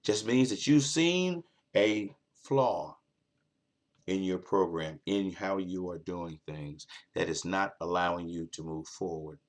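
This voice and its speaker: A man's voice: low voice, lively intonation, takes it slowly. A man hosting a late-night talk show, delivering an earnest motivational monologue that repeats its key points for emphasis.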